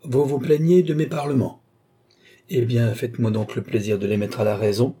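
A man's voice: mid-range voice, steady tone, moderate pace, mellow, slightly rough, lightly acted. A man voicing a weary, mocking king with dry irony, in an audiobook reading. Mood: wry. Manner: mocking, wry.

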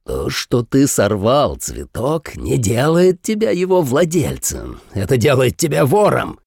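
A man voicing a contemptuous, haughty elder male clan head in a slow, sneering, gravelly delivery. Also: medium pitch, huge pitch swings, darkish tone, no echo, clean studio sound, exaggerated voice.

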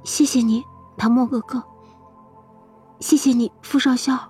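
A man voicing a clever, guarded young girl in an audiobook, in a soft, earnest and polite manner. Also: brisk, husky, faint music behind. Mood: choked up. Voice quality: high, thin girlish voice. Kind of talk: audiobook character voice.

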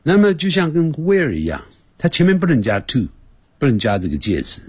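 A man teaching an English lesson on the radio. He explains grammar patiently and sounds words out slowly, several times over, to show how they should be said. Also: on the high side, huge pitch swings, darkish tone, breathy edge, dry recording. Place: radio studio.

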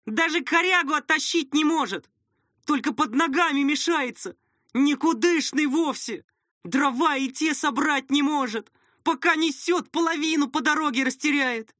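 A hefty peasant boy from a storybook rattles off complaints in a high, squeaky, breathless rush, as a man puts him on. The voice sits dry and close, with no room around it. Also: normal speed, no room sound. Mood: indignant. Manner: shrill, excited complaining. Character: broad-shouldered village boy, loud tattletale.

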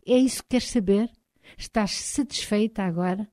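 A woman with a European Portuguese accent voicing an angry, proud young Highland husband, speaking emphatically with a raised voice. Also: expressive, unhurried, mellow. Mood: heated.

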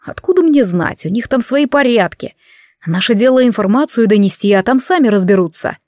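A woman reader voicing a calm, steady adult male werewolf who is protective. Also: fairly high pitch, brisk, dry recording, clean studio sound, natural voice. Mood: explaining.

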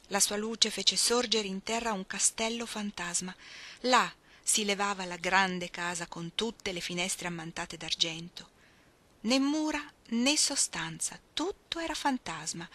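A woman reading a novel aloud, slow and expressive, sometimes dropping to a soft whisper. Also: medium pitch. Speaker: audiobook reader. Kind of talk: literary reading.

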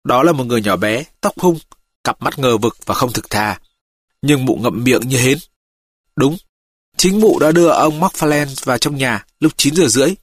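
A calm, methodical detective lays out his findings in a measured way, read by a man in his own voice. The storybook reading has a mid-range voice. The sound is dry and close. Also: medium pitch, husky, dry recording. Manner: steady, measured reporting. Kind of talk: audiobook reading.

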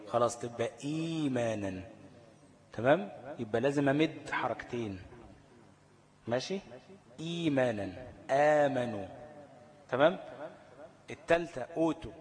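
Man, Egyptian Arabic accent, tajweed teacher, asks and answers his own questions, long hall reverb. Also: mid-range voice. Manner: asks the class questions and answers them himself; repeats each rule step by step. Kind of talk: tajweed lesson explanation.

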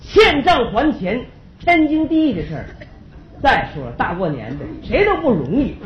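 A cocky teasing farmer tycoon. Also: male voice, very high-pitched, wildly swooping pitch, exaggerated voice. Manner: teasing, quick banter. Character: cocky teasing rich farmer businessman, male, middle-aged. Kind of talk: stage comedy sketch. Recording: echoey stage, slightly dull sound.

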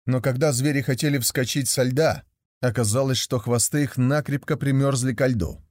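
A man narrating a fairy tale aloud in a steady, measured storytelling voice. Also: mid-range voice, no room sound.

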